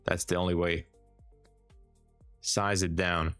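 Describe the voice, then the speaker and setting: The man, who has a Hungarian accent, speaks slowly and smoothly in a low register while chatting calmly on a live stream. He reads out viewer comments, answers them in an easygoing way, and repeats words for emphasis; faint music sits behind him with no echo.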